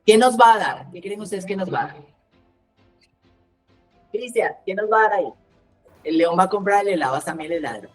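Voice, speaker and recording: A woman's voice: mid-range voice, animated, fairly quick, long pauses, faint music behind. A woman teaching a live coding class, explaining step by step and checking in with the students. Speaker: programming instructor.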